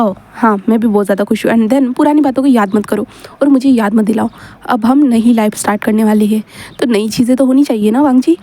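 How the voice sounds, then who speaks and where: Mellow-voiced woman retelling a fan story. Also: a little high. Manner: mixes Hindi with English words. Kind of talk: casual story narration with quoted dialogue.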